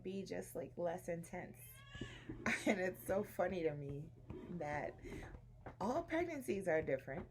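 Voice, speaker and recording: Low-voiced woman, chatty home vlog. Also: a little hiss or hum. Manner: chatty and rambling, with frequent restarts. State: bouncing a baby while talking. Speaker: vlogger sharing her birth story. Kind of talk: casual chat to camera.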